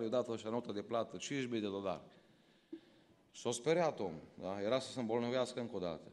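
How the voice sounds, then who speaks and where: Romanian male pastor, mid-range voice, emphatic sermon delivery, long church-hall reverb. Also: medium pitch. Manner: preaching with rising emphatic calls to the congregation.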